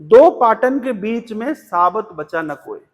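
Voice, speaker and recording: A man giving a scripture class in Hindi, telling stories and slowly reciting couplets. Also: sits high, animated, in a large hall. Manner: storytelling, quotes couplets slowly and deliberately. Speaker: Bhagavatam class speaker. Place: temple hall.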